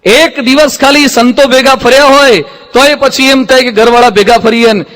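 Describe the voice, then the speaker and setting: Monk guy giving a sermon, high voice, acts out the story characters, long echo in the hall. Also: moderate pace. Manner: lively storyteller who acts out quoted speech. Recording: reverberant hall.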